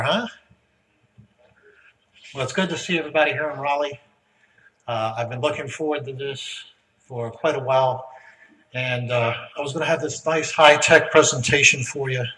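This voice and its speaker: A man giving a relaxed, folksy conference speech, with frequent "uh" fillers. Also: mid-range voice, far from the mic, rough recording. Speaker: guest speaker. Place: conference hall.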